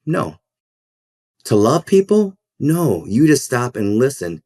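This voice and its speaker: His mid-range voice swings widely in pitch and has a darkish tone as this school principal and minister reflects earnestly in a podcast interview. He halts and repeats words while thinking, and the recording is dry and clean, from a studio.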